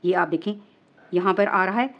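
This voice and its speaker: A woman teacher explaining the stop marks of Quran recitation step by step, often checking that her listeners follow and reciting verses slowly. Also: lowish voice, steady tone. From Pakistan. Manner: patient explaining, asks "ٹھیک ہے؟" often. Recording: muffled lo-fi recording.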